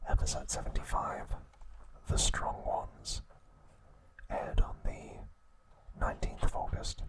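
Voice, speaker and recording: A man recaps an episode ASMR-style, whispering breathily without voicing, and pausing deliberately between short phrases.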